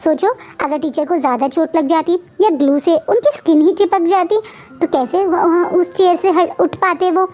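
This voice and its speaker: Woman voicing a gentle, soft-spoken young man. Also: extremely high pitch, normal speed, voice pushed up. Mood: gentle, coaxing.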